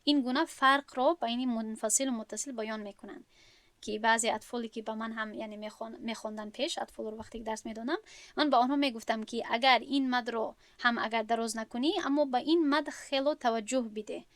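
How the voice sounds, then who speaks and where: A woman's voice: on the high side, fairly even intonation, fairly bright tone, no echo. Patient woman teaching recitation. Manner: patient, explains step by step and rephrases often. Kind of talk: explanatory recorded lesson.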